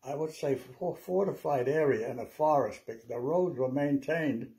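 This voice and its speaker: Mellow elderly veteran man remembering the war. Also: mid-range voice. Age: 90s. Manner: halting, rambling recollection with repeated words. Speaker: WWII veteran interviewee. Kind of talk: old veteran remembering war stories, conversational. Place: small living room at home, seated.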